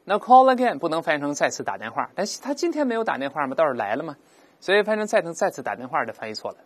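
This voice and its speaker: Lively male English teacher explaining grammar. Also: fairly high pitch, very fast. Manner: explains grammar step by step, has students read aloud. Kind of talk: recorded language lesson.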